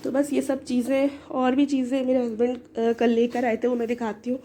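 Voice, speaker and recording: Hoarse young woman with a cold. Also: fairly high pitch, level tone, fairly quick, dark tone, slight background noise. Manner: chatty, explaining items one by one. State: hoarse with a cold, short of breath. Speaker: vlogger. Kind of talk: casual show-and-tell vlog.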